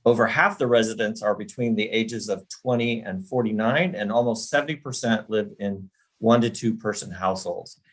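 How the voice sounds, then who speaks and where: A man's voice: on the low side, moderate pace, a bit bright, rough recording. A man from the city planning department giving a formal presentation on a video call, reading steadily from a prepared script.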